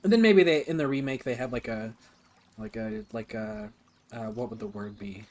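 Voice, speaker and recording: A man live-streaming a game, chatting casually with lots of fillers like "like" and "you know", and breaking into loud, excited reactions during fights. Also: mid-range voice, moderate pace, a little hiss or hum. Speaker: streamer playing a game for the first time.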